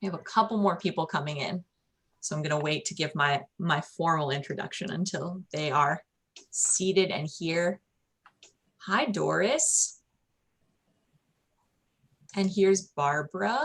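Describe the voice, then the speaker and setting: A woman's voice: deep voice, a little slow, long pauses, a bit bright. A woman hosting a video call, upbeat and welcoming as she greets arriving guests. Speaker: event host.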